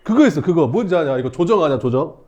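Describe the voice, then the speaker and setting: Animated male teacher telling a story. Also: fairly high pitch, fast. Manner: animated, acts out shouts and screams, laughs while telling. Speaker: math teacher. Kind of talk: storytelling to a class.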